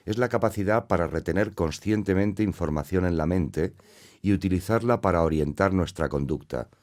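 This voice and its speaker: A man with a very low, deep voice reads a lecture for parents as a scripted voice-over. His delivery is measured and teacherly, laying out each point one step at a time. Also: darkish tone. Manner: measured, didactic, explains step by step.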